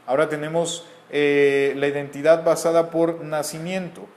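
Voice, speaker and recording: A man's voice: fairly high pitch, flat delivery, moderate pace, darkish tone, roomy sound. A man from Mexico with a Mexican accent, giving an earnest, repetitive Bible teaching. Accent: Mexican Spanish.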